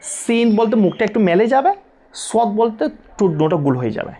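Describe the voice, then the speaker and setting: A man teaching Quran recitation, drilling letter sounds slowly and repeating each one many times. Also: sits high, sing-song, mellow.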